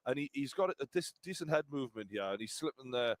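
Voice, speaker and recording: A man's voice: medium pitch, animated, fast, dry recording. Blunt, sweary man. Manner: blunt and sweary, tags lines with "right?" and "mate". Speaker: co-host of a live fight watch-along. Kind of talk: casual fight commentary chat.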